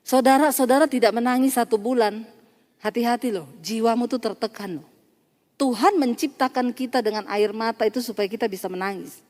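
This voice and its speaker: A woman pastor preaches to her congregation in a lively storytelling way, dropping quoted voices and laughs into her points. Her voice sits high and bright above the others. Long reverb trails each phrase, as in a large church hall. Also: fairly quick. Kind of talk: sermon.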